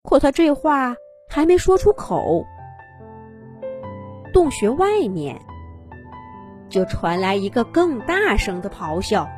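A woman narrating a children's animal story in an expressive, dramatic way. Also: on the high side, slow, pauses often, soft background music.

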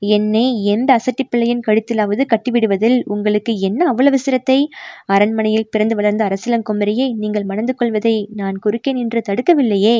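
Brief: woman reading a shy young maiden, high-set, close dry audiobook. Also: fairly even intonation, brisk, warm tone, no echo, lightly acted. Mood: hurt. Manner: pleading, coy. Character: young sculptor's daughter, shy and emotional.

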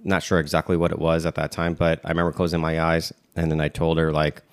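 Deep voiced guy, pretty monotone, rambly casual chat w lots of ums. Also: fast. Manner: rambling, many fillers and restarts. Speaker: podcast co-host.

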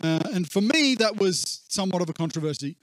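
Sitting high in pitch, this man sounds animated, a little quick and slightly bright as he delivers a loose, chatty church talk in his role as pastor. There's no echo, but the flawed audio turns muffled and warbling, gurgling like it was recorded underwater.

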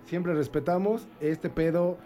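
A man's voice: a little high, steady tone, measured pace, mellow, soft background music. A man, co-hosting a podcast in slangy, crude, joking banter. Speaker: podcast co-host.

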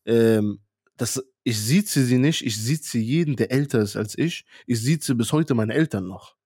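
A man's voice: medium pitch, a little slow, darkish tone, slightly rough, no room sound, clean studio sound. A man co-hosting a podcast, telling a story earnestly and unhurriedly in casual chat. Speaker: podcast co-host.

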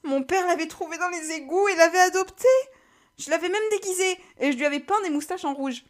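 A woman reading aloud and voicing a childish, excitable young man who wails and squeals. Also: fairly quick. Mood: tearful. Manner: shrill, wailing, overexcited.

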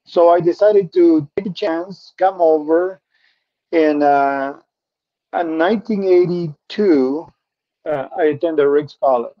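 A middle-aged Peruvian man, a native Spanish speaker with a Peruvian accent, earnestly recounts his life story as an interview guest, often restarting and repeating words. His voice is fairly high and his pace slow. The audio is muffled and lo-fi.

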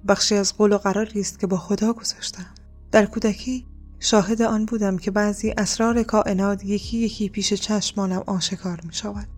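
Wandering dervish, calm, earnest, breathy, soft, voiced by a woman. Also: medium pitch, soft background music, lightly acted.

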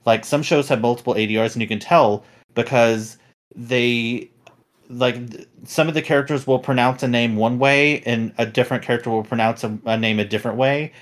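A man's voice: mid-range voice, steady tone, moderate pace. A man hosting a casual podcast chat, rambling and critical, often restarting his sentences. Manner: rambling, critical, self-correcting. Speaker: podcast host.

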